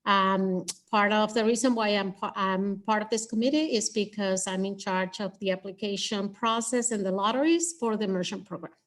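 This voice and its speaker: A woman's voice: mid-range voice, moderate pace, hardly any pauses. A woman, a school district coordinator, introducing herself matter-of-factly at a meeting on a video call. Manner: matter-of-fact with fillers.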